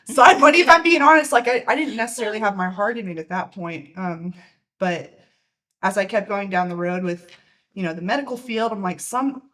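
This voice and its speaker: A woman's voice: mid-range voice, animated, fairly quick, pushed and bright. A young woman co-hosting a casual podcast, a little out of breath, chatting with frequent restarts and laughs. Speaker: podcast co-host.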